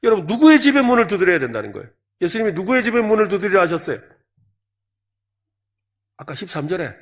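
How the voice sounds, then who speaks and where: Animated Gyeongsang-accented male pastor preaching. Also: high voice, fast talker. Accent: Gyeongsang Korean. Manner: animated, quizzes the congregation with repeated questions. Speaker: senior pastor. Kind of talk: sermon. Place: church service.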